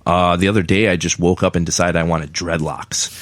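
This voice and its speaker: A man's voice: deep voice, steady tone, brisk, dry recording. A young man co-hosting a casual podcast, rambling with frequent restarts and fillers. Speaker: podcast co-host.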